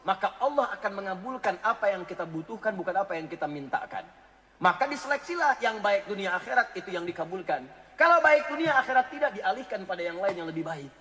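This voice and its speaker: High-voiced joking male preacher, reverberant hall. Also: fast talker. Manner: joking, animated storyteller addressing listeners directly. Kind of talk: radio sermon with anecdotes.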